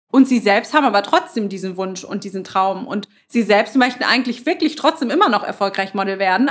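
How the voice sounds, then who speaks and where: A woman's voice: fairly high pitch, a bit bright. A woman hosting a motivational podcast, talking without notes in an earnest, emphatic way, often repeating her phrases. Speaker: podcast host. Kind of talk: motivational podcast monologue, unscripted.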